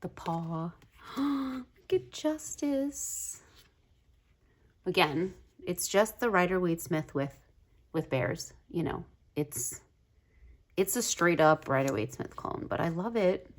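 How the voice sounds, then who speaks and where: A woman casually flipping through a tarot deck on her channel, gushing and chatty, full of "like" fillers, with soft asides that drop to a whisper. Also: on the low side, measured pace. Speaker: tarot video creator.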